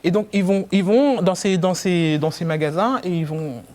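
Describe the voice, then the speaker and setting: Panelist in a chat, stammers, repeats words, middle pitch. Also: normal speed, a little mellow. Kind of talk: casual discussion.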